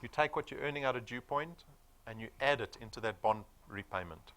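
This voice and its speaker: With a mid-range, fairly bright voice and a slightly quick pace, a forty-year-old South African sales presenter delivers a motivational business talk. He is emphatic and persuasive, leaning on rhetorical questions.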